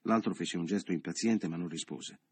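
A man narrating a novel as an audiobook in a measured, literary way. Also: deep voice, husky, no room sound.

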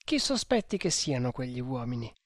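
A man's voice: medium pitch, very animated, moderate pace, no echo, studio quality. A man voicing a proud, fearless snake hunter who gives curt, commanding orders in an audiobook. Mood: questioning.

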